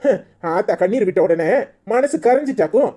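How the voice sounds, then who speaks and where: An exasperated husband, voiced by a woman, in a cartoon, grumbling and mocking with a Kanyakumari Tamil accent. The voice is mellow and mid-pitched. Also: expressive, a little fast, breathy edge. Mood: irritated.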